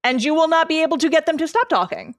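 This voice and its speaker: Woman, comic creator, casual podcast talk, animated, giggly, fairly high voice, dry recording. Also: dry recording. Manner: animated, laughs often, bursts of fast talk. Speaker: webcomic creator and podcast co-host.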